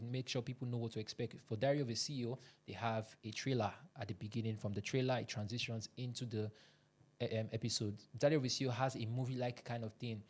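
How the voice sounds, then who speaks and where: A man's voice: mid-range voice, darkish tone. A man coaching beginners, talking into a studio microphone in a podcast studio. He is earnest and instructive, with emphatic bursts on the key points. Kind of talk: instructional talk to camera.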